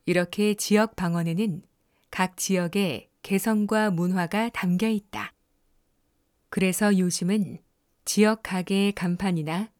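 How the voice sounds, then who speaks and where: A woman narrates a classroom-style lesson from a script, taking her time over every phrase. Her delivery is measured and explanatory, at a mid pitch and an unhurried pace that leaves room for each point to land. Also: a little mellow. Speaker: narrator of an educational video.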